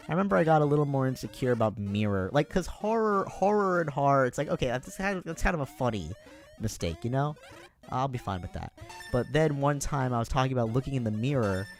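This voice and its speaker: A man's voice: medium pitch, big pitch swings, fairly quick, soft background music. An American man chatting on his own during a livestream, rambling and self-deprecating with plenty of fillers. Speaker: streamer.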